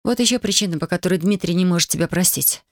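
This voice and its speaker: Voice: medium pitch, quick pace, no echo, close to an everyday voice. A reader voicing a young Soviet wife, emotional and pleading, in a dry audiobook recording. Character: young tearful Soviet wife, loving yet wounded.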